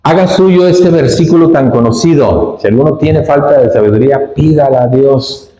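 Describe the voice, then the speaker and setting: Northern Mexican pastor preaching in an echoey church. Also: male voice, fairly high pitch, moderate pace, mellow. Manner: dramatizes scenes, acting out the characters' lines; asks the congregation frequent rhetorical questions. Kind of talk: sermon. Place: church sanctuary.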